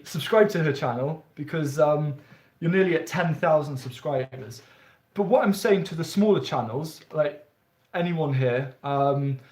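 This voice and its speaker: A man's voice: fairly high pitch, echoey room. A young man hosting a casual live-stream chat, chatty and rambling with lots of enthusiasm. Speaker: host.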